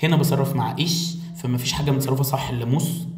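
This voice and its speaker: Male teacher, Egyptian Arabic accent, mid pitch, playful review lecture, roomy off-mic sound. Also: very fast, far from the mic, soft background music. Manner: lively, jokey, switching between German and Arabic. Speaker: German teacher. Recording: echoey room, voice a bit off-mic.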